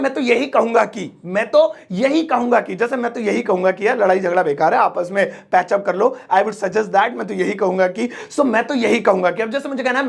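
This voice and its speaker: Man, teacher, gravelly voice, slow phrase drills, lively examples. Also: sits high. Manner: drills phrases slowly and repeats them, with quick playful examples. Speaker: English teacher. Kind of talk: spoken language lesson.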